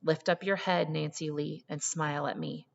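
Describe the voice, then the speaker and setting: A woman voicing an elderly, indignant but compassionate vice principal in a storybook reading, with earnest, deliberate, emphatic phrasing. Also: low-pitched, fairly even intonation, vocal fry. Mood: stirring, resolute. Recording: muffled, long hall reverb.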